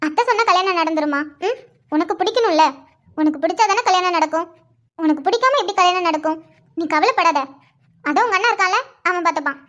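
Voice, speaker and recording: A woman voicing a calm, caring young sister-in-law in a cartoon, speaking in a soothing, reassuring way. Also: very high-pitched, fast. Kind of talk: cartoon voice acting.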